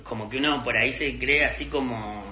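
Animated Argentine man, echoey room. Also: mid-range voice, brisk, crowd noise. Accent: Argentine Spanish. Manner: animated, acts out dialogue with laughter. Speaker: podcast host telling a story. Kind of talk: casual storytelling.

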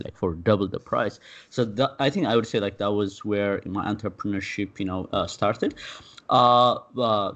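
Young male interview guest from Ethiopia, low voice, halting with fillers, dull lo-fi audio. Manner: halting, many fillers and restarts. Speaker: podcast guest, founder. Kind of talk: casual interview.

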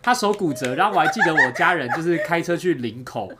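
A woman tells a story on a casual podcast, quick and joking, with the odd swear. Her voice runs low but lively in pitch, and there is clear noise in the recording. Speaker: podcast co-host.

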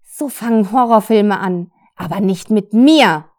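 A woman voicing a frightened but defiant young woman who shouts in an audiobook. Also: mid-range voice, a little slow, no room sound, studio quality, lightly acted.

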